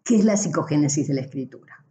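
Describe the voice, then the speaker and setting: A woman lecturer walks through a class in a mellow, fairly low voice. She explains step by step, checks in with frequent tag questions, and corrects herself as she goes. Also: lively intonation, fast talker. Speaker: university lecturer.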